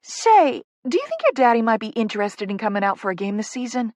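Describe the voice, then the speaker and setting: A fast-talking, bubbly little Southern publicity woman, played by a narrator in an audiobook novel, gushes with excitement in a high voice that swoops upward, emphatic and breathless. Her Southern drawl is captured close and dry with no echo, and she's thoroughly effusive.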